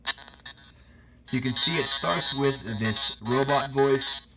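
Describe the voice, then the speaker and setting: A man's voice: medium pitch, takes it slowly, very noisy. A man talking through a robotic voice-changer effect played from a small speaker while he shows off a build. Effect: robotic voice-changer sound through a small speaker. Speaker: maker showing a helmet build. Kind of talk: casual tutorial vlog.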